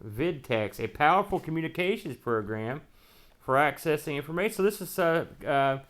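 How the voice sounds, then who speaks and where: A man hosting a retro computer unboxing show speaks at normal speed in a slightly high, expressive, somewhat bright voice. His remarks are casual and unscripted, folksy and colloquial, as if he's thinking aloud.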